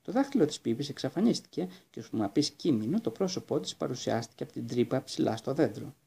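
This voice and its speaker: Husky, gravelly male storyteller. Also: medium pitch. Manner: lively, expressive storytelling. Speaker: narrator. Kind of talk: audiobook reading of a children's book.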